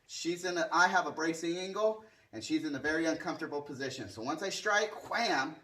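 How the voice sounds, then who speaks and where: Recorded from a distant microphone, a martial arts instructor talks through a hands-on demonstration in a casual way, marking it with quick counts and strike sounds. His voice sits on the high side, sharp in tone, with a brisk pace.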